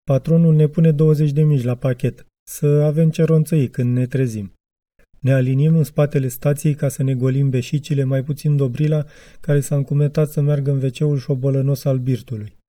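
A man reading a literary audiobook in a measured, reflective way. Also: mid-range voice, steady tone, dark tone, no room sound. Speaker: audiobook reader.

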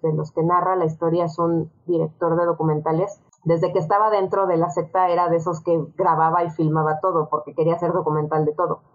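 Lower-voiced woman on a lo-fi line. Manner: thoughtful, halting, many fillers. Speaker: podcast guest. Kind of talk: casual chat. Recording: dull lo-fi sound.

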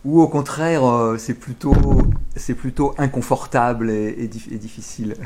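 Intervieweur qui relance ses questions. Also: male voice, medium pitch, normal speed, noisy background. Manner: probing, rephrases his questions.

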